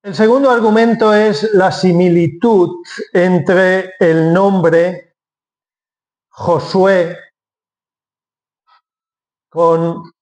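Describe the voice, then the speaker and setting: A man's voice: high voice, darkish tone. A man preaching a sermon from Spain, explaining step by step and asking then answering his own questions.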